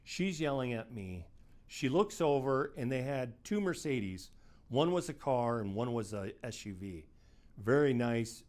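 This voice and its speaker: A middle-aged man recounts a case from his work as a private investigator. He talks in a plain, conversational way, stepping in and out of the people he describes. His voice sits at an ordinary middle pitch. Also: lively intonation, a little slow, darkish tone. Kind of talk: first-person case storytelling.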